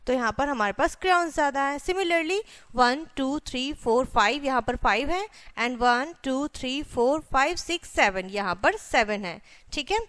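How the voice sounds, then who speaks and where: A woman with a high, light voice gives a children's math lesson. She counts aloud step by step and spells each number name letter by letter. She mixes English words into her speech and keeps checking in with the children. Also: animated, normal speed, a bit bright, clear, resonant tone. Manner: addresses children directly, frequent "theek hai" check-ins. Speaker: teacher.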